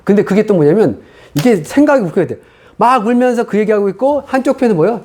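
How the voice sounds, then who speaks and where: A middle-aged man preaching a sermon as pastor, telling his own story in an animated way and acting out what he once said. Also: high-pitched, fast talker. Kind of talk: sermon testimony.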